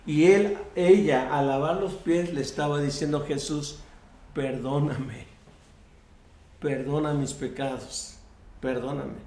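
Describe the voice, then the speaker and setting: A man from the US-Mexico border region preaches a sermon as pastor in a church sanctuary, acting out prayers and quoted speech and often restarting his phrases. His voice sits on the high side, slow and dark in tone, and the church room sounds echoey.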